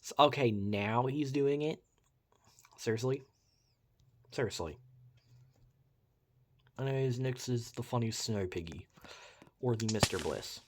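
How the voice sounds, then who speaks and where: A young man reviewing a game gives casual, rambling commentary over the gameplay, packed with "like" and "uh" and wry, sarcastic asides. His voice is mid-range and his pace normal.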